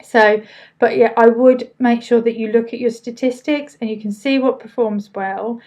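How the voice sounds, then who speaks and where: A woman with a fairly high voice and an Essex accent leads a live online training. She talks in an informal, chatty way, taking questions as they come and answering them casually, with words a little loosely pronounced. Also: steady tone, normal speed, a little mellow. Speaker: business trainer hosting a live Q&A.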